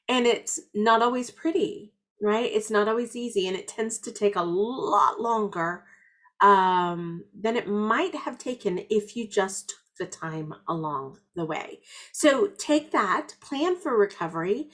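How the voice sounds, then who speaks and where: A middle-aged woman coaching entrepreneurs in an earnest, encouraging motivational talk. Her pitch sits right in the middle for a woman. She slips in warm, friendly asides as she goes. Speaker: business coach.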